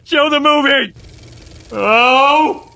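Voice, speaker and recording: A man playing an impatient, high-voiced figure who counts down and laughs while demanding the movie be shown. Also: very slow, vocal fry, bright, forceful tone, heavily acted.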